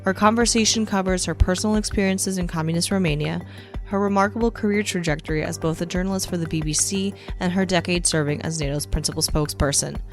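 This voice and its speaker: A woman hosting a podcast, moving from a polished, formal introduction to relaxed conversational questions. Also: on the low side, quick pace, faint music behind. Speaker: podcast host. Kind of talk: scripted intro and interview questions.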